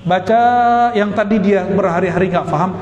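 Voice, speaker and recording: High-voiced preacher. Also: male voice, a little fast, lo-fi sound, slight background noise. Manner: animated storyteller, asks the audience questions. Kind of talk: religious lecture with storytelling. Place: hall with long reverb. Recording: echoey hall, faint background ambience.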